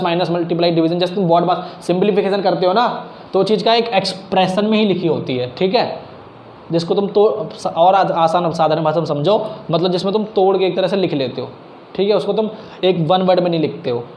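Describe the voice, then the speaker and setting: A man's voice: high voice, a little fast, darkish tone. A man teaching math in a casual classroom style, explaining step by step and mixing English math terms into his talk. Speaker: math tutor. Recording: echoey room, faint background noise.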